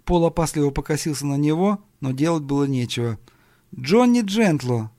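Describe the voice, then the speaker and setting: A man's voice: on the high side, fast, mellow, no room sound. A man narrating a story in an audiobook.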